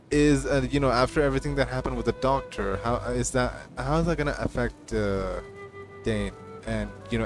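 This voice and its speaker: A man streaming and chatting casually about game lore, rambling with lots of fillers and stammered restarts. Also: medium pitch. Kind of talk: casual livestream chat. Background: game music.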